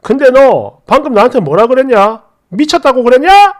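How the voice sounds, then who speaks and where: A woman voicing a rude, sarcastic boyfriend in his thirties, scolding in a lowered voice. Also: big pitch swings, moderate pace. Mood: sneering.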